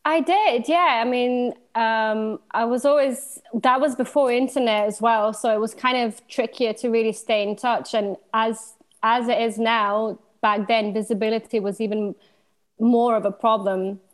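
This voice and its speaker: A woman from Slovenia in her thirties, a DJ guest talking in a relaxed, thoughtful way, with many pauses and easy laughs. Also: a little high. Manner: thoughtful, hesitant, laughs easily. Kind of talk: casual interview chat.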